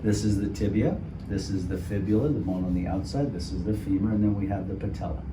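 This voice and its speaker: A middle-aged man, a chiropractor, calmly explaining the knee and a treatment plan to a patient in a small clinic room. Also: low-pitched, fast talker, background noise. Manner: calm, instructive, names body parts step by step. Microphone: camera in the room.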